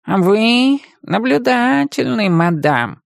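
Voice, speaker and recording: A woman voicing a world-weary, ironic male cat in an audiobook, talking slowly and dryly. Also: fairly high pitch, big pitch swings, gravelly, no echo, studio quality, voice pushed up, heavily acted. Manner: slow, drawling and dryly ironic.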